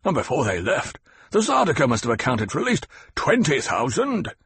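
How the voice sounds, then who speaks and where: A man's voice: mid-range voice, huge pitch swings, moderate pace, a bit bright, husky, no room sound, voice pushed up, full character voice. A man playing a petulant, blustering fat baron. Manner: blustering, demanding. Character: fat, petulant male nobleman, domineering. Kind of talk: audiobook character voice.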